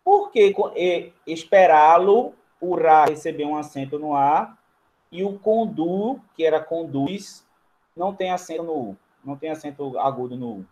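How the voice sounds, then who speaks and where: Brazilian male teacher, slightly high voice. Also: lively intonation, moderate pace, a little mellow. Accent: Brazilian Portuguese. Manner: explains step by step, often checks in with the class; writes on a board while talking. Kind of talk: grammar lesson.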